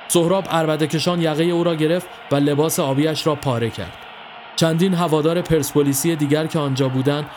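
A man reading a horror story as narrator, in a measured, even storytelling manner. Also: a little high, slight background noise.

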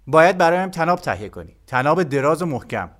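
A man's voice: a little high, very animated, pitched above the performer's own voice. A man voicing a stubborn, defiant boy who gives curt, firm demands in an audiobook. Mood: determined.

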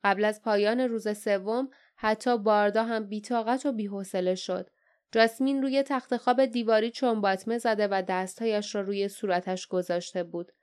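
Brief: woman audiobook narrator, measured reading, smooth clear resonant voice. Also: medium pitch. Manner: measured, even storytelling. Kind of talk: scripted narration.

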